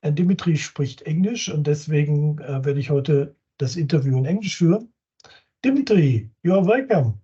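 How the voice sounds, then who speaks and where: A business coach with a German accent hosts an interview, friendly and affirming, sometimes restarting phrases in English. His fairly high voice is mellow and breathy-edged, with lively intonation at a normal speed, heard through dull lo-fi sound.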